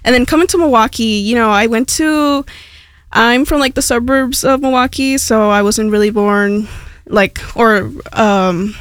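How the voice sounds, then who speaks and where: A woman's voice: on the high side, a little slow, clean tone, no echo, clean studio sound. Chatty young Mexican-born woman, many fillers. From Hidalgo, Mexico. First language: Spanish. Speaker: radio station intern, guest. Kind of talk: casual interview talk.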